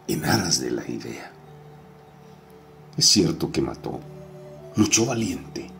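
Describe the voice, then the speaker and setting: A man recites a dramatic poem in a theatrical, declamatory way. His voice is extremely low and unhurried, and it rises and falls with lively swings. Soft music plays beneath him. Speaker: poetry reciter.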